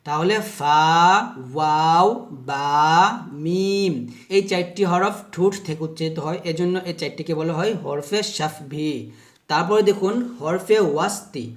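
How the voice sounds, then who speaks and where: A man teaching how to pronounce Arabic letters, explaining slowly, repeating himself and sounding out each letter to demonstrate. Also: sits high. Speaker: Quran recitation teacher.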